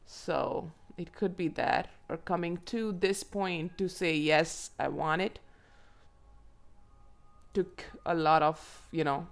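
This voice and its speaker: A woman with a hoarse, froggy voice from a cold, reading tarot to viewers in an unhurried, musing way and asking herself questions aloud. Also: fairly low pitch, steady tone. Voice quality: froggy, croaky throat. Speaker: tarot reader and channel host. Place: indoors at a table.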